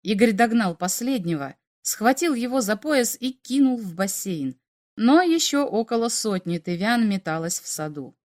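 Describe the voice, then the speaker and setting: A woman narrating a story aloud in a lively, animated way. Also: fairly high pitch, moderate pace. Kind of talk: expressive storytelling.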